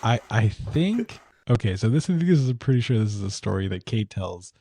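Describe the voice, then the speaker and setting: A man's voice: lowish voice, sing-song, normal speed, vocal fry, warm tone, breathy edge, no room sound. A man co-hosting a podcast, chatting casually in easygoing, swearing bro talk. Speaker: podcast co-host. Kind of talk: casual chat. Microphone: podcast microphone.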